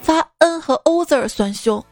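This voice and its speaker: Playful, fairly high-voiced woman host. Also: expressive, moderate pace, a little mellow, faint music behind. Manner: playful, teasing, laughs often. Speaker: radio host. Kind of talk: scripted comic monologue.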